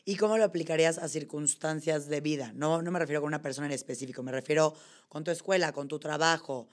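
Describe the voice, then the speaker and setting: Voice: medium pitch, fairly even intonation, quick pace. A podcast host in a casual interview, asking curious follow-up questions.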